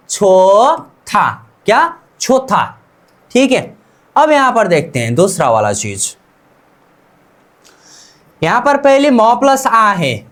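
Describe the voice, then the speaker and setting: A teacher taking a beginner class through pronunciation at an unhurried pace. The voice sits at a middle pitch and keeps circling back with quick self-posed questions, repeating each sound several times so it sinks in. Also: fairly bright tone. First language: Hindi. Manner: slow and deliberate, drills by asking "what?" and answering itself. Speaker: Korean language teacher. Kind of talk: beginner language lesson.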